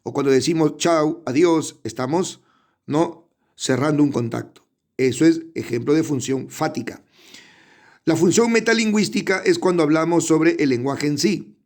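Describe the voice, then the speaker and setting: A man's voice: a little high, normal speed, darkish tone. A middle-aged man, a teacher giving an online class who explains step by step and often checks in with his students. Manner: explanatory, addresses students often, frequent tag questions.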